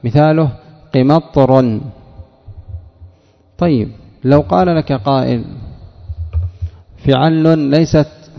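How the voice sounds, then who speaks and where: Male teacher quizzing a class, echoey. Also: on the high side. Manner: quizzes students by name, spells out word patterns deliberately. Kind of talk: grammar lesson with questions to students. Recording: echoey room, dull lo-fi sound.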